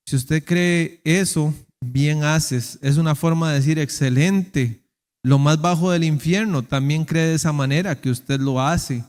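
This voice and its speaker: A man's voice: on the high side, darkish tone. A male pastor delivering an emphatic sermon, acting out quoted voices. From Costa Rica. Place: church sanctuary. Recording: long church reverb.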